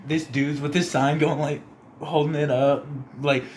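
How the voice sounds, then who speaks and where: A young man co-hosting a casual podcast, telling stories animatedly and acting out quotes in a squeaky high voice. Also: flat delivery, unhurried, a little hiss or hum. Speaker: podcast co-host. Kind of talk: casual chat.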